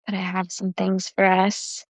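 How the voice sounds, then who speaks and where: A woman's voice: mid-range voice, completely flat delivery, unhurried, no room sound. A woman hosting a self-love workshop on a livestream, talking casually with lots of "like" fillers after a guided meditation. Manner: chatty, with frequent "like" fillers. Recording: dry, slightly dull lo-fi livestream audio.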